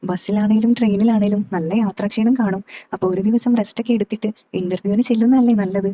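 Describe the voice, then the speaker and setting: A woman's voice: medium pitch, fairly even intonation, quick pace, no echo, natural voice. A cheeky young man who talks casually and coaxes his way along, as a woman narrator puts him on. The sound is a little muffled and dry. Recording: slightly dull, dry recording.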